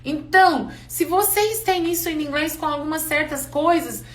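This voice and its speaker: Candid woman teacher, high voice, non-native Portuguese speaker, chatty live class. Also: moderate pace, a bit bright. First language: not Portuguese. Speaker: English teacher.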